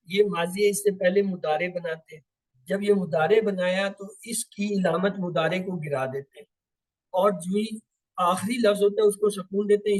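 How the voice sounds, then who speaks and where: A man teaching Arabic grammar for the Quran, who explains step by step, asks and answers his own questions and repeats drill words slowly. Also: high voice, rough recording. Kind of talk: grammar lesson.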